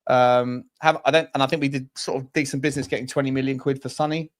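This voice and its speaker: Mid-pitched man, hesitant delivery. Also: steady tone, quick pace. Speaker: football fan panellist. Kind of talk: casual chat.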